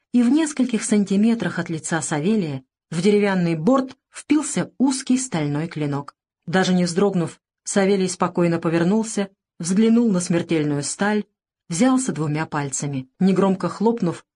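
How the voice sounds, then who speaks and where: A woman narrating an audiobook in a measured, even storytelling manner. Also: lowish voice. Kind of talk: audiobook reading of a crime novel.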